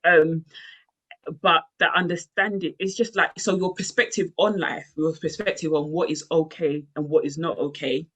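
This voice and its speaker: A woman in her twenties talking candidly in a casual podcast chat, animated and quick to laugh. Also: low-pitched. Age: 20s. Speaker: podcast co-host.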